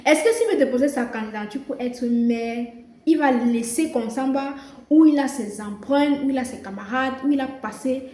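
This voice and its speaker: A young woman with a Cameroonian French accent talks earnestly to her viewers in a fairly high, mellow voice. She often restarts and repeats words as she thinks aloud. The room around her is echoey. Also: moderate pace. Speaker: social media content creator. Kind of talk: casual commentary to viewers. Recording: roomy echo, faint background noise.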